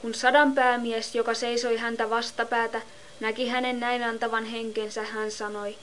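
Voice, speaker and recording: Woman reader for a Bible audiobook; measured, level and unhurried, with a slightly high voice. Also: slight background noise. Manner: steady, measured reading. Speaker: scripture reader. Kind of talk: Bible reading.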